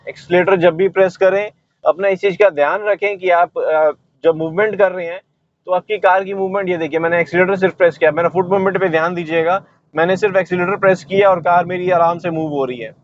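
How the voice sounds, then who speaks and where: High-voiced man teaching driving from the car. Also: steady tone, a little fast, lo-fi sound. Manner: explanatory, repeats "ye dekhiye" while demonstrating. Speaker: driving instructor. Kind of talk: instructional commentary while driving. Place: inside a car while driving.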